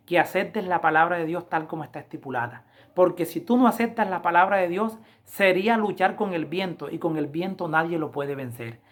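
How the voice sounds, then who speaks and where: A woman preaching a Bible lesson review, with emphatic, repetitive appeals to her listeners, slowing down to read scripture. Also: lowish voice. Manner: slows down to read scripture aloud. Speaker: Adventist Bible lesson teacher.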